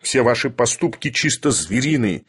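A man's voice: medium pitch, animated, moderate pace, husky. Man doing an imperious old professor. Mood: thundering. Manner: ironic, thundering, lecturing. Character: imperious, irascible older male professor. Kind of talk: audiobook character voice.

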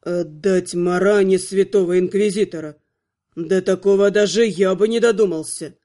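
A woman voicing a charming, suave male archvampire ruler who speaks smoothly and with mocking politeness, in an audiobook. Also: mid-range voice, fairly even intonation, moderate pace, warm tone, pitched below the performer's own voice, lightly acted.

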